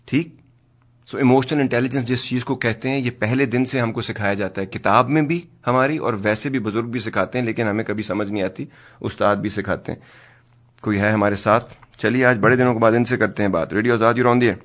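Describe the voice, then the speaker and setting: A man's voice: mid-range voice, fairly even intonation. A man hosting a talk radio show, speaking earnestly and in a preachy way, and often slipping English phrases into his talk. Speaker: radio host.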